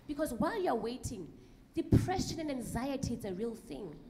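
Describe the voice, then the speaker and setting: A South African woman with a fairly high voice talks candidly in a panel discussion. Her delivery is animated and conversational, with clear noise around her. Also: normal speed. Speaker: panel speaker. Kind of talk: conversational panel talk, mixing languages. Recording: clearly noisy live event recording.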